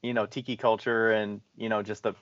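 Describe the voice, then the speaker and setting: A man co-hosting a podcast interview, asking questions in a relaxed, slightly halting way. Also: fairly low pitch, dry recording, dull audio. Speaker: podcast co-host. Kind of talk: casual interview chat.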